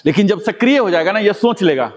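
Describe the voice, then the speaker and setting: A man's voice: sits high, lively intonation, fast. A man leading a yoga class. He gives step-by-step commands to the group and puts rhetorical questions to his students. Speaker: yoga instructor. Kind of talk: guided exercise class. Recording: long reverb.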